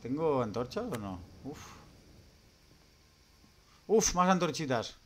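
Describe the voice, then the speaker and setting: A man's voice: medium pitch, big pitch swings, slow, a bit bright, a little hiss or hum. A man with a Spanish accent from Spain giving casual, jumpy, scared commentary as he streams a horror game. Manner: scared, jumpy, muttering nervous reactions and exclamations. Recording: game music behind the voice. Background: video game music.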